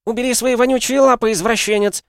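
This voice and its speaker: A man voicing a hysterical, jealous young woman who shrieks accusations in a shrill voice, in an audiobook. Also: fairly even intonation, fast, no room sound, studio quality. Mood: screaming furious. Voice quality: shrill, screaming.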